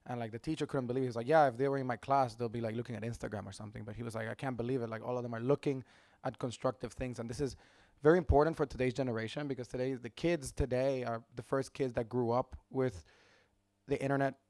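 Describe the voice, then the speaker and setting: A man's voice: medium pitch, fairly even intonation, quick pace, darkish tone, dry recording, studio quality. A man in his thirties from El Salvador, an engineer and mentor speaking on a conference panel, rambling and enthusiastic. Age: 30s. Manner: rambling and enthusiastic, many restarts and "like"s.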